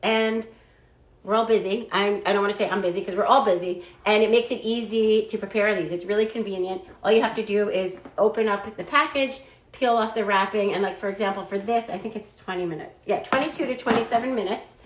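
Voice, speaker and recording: A woman talks through a casual product review vlog at a middling pitch, chatty and loose, leaning on "like" and "um" as she goes. Her voice carries a noticeable roomy echo. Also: brisk, dull audio. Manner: chatty, fillers of "like" and "um".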